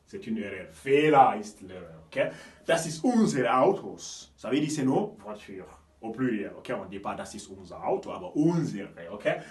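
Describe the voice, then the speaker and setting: A man teaches a grammar lesson, pushing hard on each example word, then letting his voice fall away at the end of a phrase. He checks in again and again with a quick "ok?". He sounds set back from the mic, in a room with a strong echo. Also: medium pitch, big pitch swings. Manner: repetitive, checks understanding with frequent "ok?"; stresses German example words, drops off at phrase ends. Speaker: German teacher. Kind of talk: classroom-style grammar lesson. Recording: roomy echo, mic at a distance.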